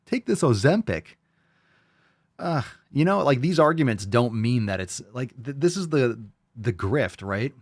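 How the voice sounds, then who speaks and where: A man's voice: mid-range voice, expressive, moderate pace, no echo, studio quality. A man giving off-the-cuff reaction commentary in a smug, sarcastic, mocking way, blunt and sweary. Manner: blunt, profane.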